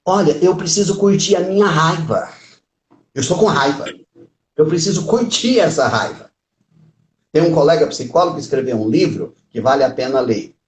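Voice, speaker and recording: A man's voice: a little high, normal speed. A man, a pastor and couples therapist, chatting casually and telling stories that he acts out with laughs. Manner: storytelling, laughs often, acts out quotes. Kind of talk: casual chat on a live stream. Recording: roomy echo.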